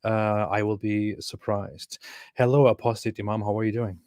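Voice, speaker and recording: A man with a fairly low voice hosts a casual livestream interview. He feels his way through questions, restarting and repeating them. The recording is dry, with very little echo. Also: flat delivery, moderate pace, a little mellow.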